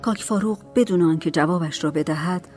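A woman narrating a novel in a calm, measured voice. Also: lowish voice, soft background music. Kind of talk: storybook narration.

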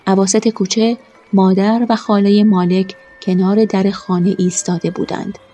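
A woman narrating a first-person story in a quiet, measured way. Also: mid-range voice, level tone, soft background music.

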